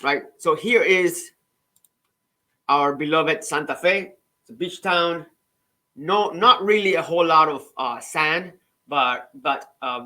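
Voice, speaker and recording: A man's voice: fairly high pitch, pushed and bright. A middle-aged man from Cuba, hosting his own channel and telling his story casually, with many restarts and "right?" tags. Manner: conversational, halting with frequent restarts and "right?" tags. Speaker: author and channel host.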